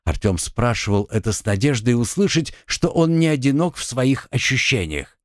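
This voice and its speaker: A man narrating a fiction audiobook with expressive storytelling. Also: mid-range voice, moderate pace, dry recording, studio quality. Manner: expressive storytelling with acted dialogue.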